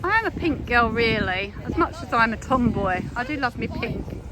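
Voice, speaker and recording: High-voiced British woman vlogging outdoors. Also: animated, normal speed, poor audio. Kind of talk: casual vlog commentary. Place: outdoors at a busy steam rally. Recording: outdoor crowd and vehicle noise.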